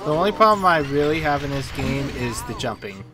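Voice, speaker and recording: A man gives casual commentary as co-host of a game stream. His voice has a middling pitch, and game music plays clearly behind it. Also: lively intonation, a little fast.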